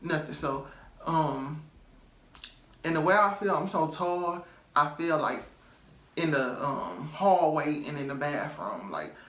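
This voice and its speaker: A man's voice: fairly high pitch, expressive, slow pace, long pauses, a bit bright. A man telling a personal story in a loose, chatty way, full of "um" and "like" and repeated phrases for emphasis. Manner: loose, chatty, many "um" and "like" fillers. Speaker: storytime vlogger. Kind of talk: casual storytelling. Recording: roomy echo, faint music behind.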